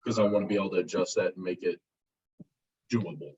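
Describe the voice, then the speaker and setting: Man, college instructor, casual lecture, monotone, heard from afar, dull muffled sound. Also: low voice, quick pace, breathy edge. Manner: casual, relaxed, self-described monotone. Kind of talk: classroom lecture. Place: classroom. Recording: muffled, distant classroom recording.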